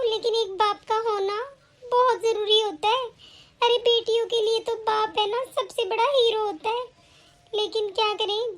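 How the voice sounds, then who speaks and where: A woman voicing a young new mother in an animated family story, polite, earnest and respectful. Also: very high-pitched. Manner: earnest, respectful, talks at length.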